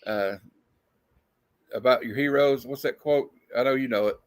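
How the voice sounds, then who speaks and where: A man's voice: medium pitch, moderate pace. Casual male horror-movie show host. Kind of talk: casual livestream chat.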